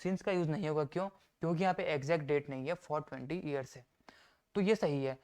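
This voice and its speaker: A man teaching an exam-prep grammar lesson, explaining step by step, reading example sentences out slowly and answering his own questions. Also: on the high side, a little mellow, clear, resonant tone. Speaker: English teacher.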